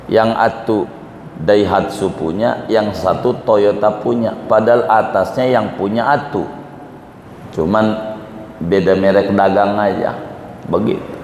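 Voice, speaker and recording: A man's voice: on the low side, a little slow, a little mellow, slight background noise. A male religious teacher, giving an Islamic study lecture. He explains Arabic terms step by step and quizzes his audience. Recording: echoey hall with faint ambience.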